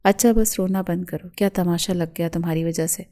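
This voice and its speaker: A woman's voice: fairly low pitch, steady tone, mellow, close to an everyday voice. A woman voicing a stern middle-aged aunt who scolds and gives orders to the family. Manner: scolding, commanding.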